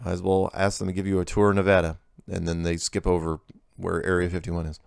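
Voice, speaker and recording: Low gravelly male host, dry close sound. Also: flat delivery, fast talker, no room sound. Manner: easygoing, reads letters aloud and comments offhand. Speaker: host reading viewer emails. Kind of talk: casual commentary on viewer emails.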